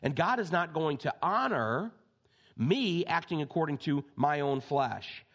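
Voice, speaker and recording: A middle-aged man preaching a sermon with personal stories, animated and impassioned, acting out the voices he quotes. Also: on the high side, measured pace, lo-fi sound. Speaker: pastor.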